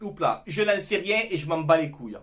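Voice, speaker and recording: High-voiced man ranting about football. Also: sing-song, fairly quick. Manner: heated, ranting, swears freely. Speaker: football fan commentator. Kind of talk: casual angry football debrief.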